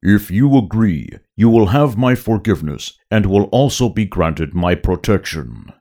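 A man voicing a huge, pompous male slug gangster lord in a story reading, slow and self-satisfied. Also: on the low side, animated, dark tone. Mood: menacing.

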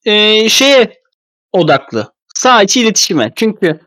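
A man's voice: sits high, sing-song, unhurried, sharp tone, dry recording, studio quality. A man sick with a cold, his voice thick and stuffy, giving casual, rambling basketball analysis as a podcast commentator. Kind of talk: casual sports analysis talk.

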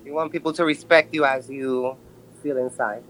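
A male-sounding voice in the early thirties, from Brooklyn, giving a personal interview in a halting, reflective manner. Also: mid-range voice, fairly even intonation, fairly bright tone, slight background noise, low-quality recording. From Brooklyn, New York. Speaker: podcast guest.

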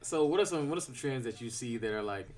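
A man hosting a casual podcast chat, slangy and quick to agree and laugh along. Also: mid-range voice, expressive, a little mellow, soft background music.

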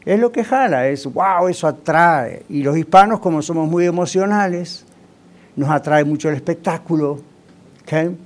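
A man's voice: on the high side, moderate pace, darkish tone. A male pastor preaching a sermon in a conversational way, often asking the congregation rhetorical questions.

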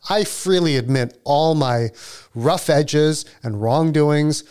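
A man's voice: a little high, slow pace, a little mellow, clear, resonant tone. Man, 40s, earnest and reflective, casual chat. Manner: earnest, reflective, self-deprecating.

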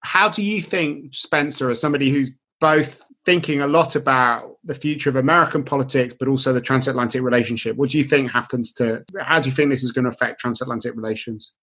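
Male moderator, mid-pitched voice, fluent, measured questions. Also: a bit bright. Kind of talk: panel discussion.

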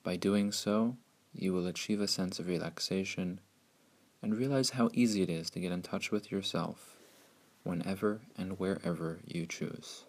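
A man narrating a scripted guided meditation in a soothing, hushed, unhurried way with long pauses. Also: sits low.

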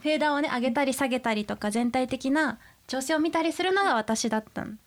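Woman, fairly high voice, fast, chatty, teasing, sound operator. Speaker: mixing-desk operator. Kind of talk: casual panel chat.

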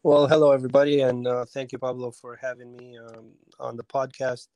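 A man in his forties from Albania, a soccer technical director, telling his story in a relaxed interview with plenty of ums and restarts. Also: mid-range voice, fairly quick, dry recording, low-quality recording. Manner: hesitant, many ums and restarts. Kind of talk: casual interview talk.

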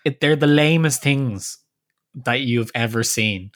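A man's voice: medium pitch, unhurried, a bit bright. A man co-hosting a podcast in casual chat, laughing, exasperated, and swearing now and then. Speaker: podcast co-host.

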